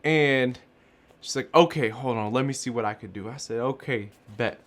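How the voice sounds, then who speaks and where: A young man from Chicago telling a travel story in a casual, animated way, full of slang and acted-out quotes. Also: mid-range voice, moderate pace.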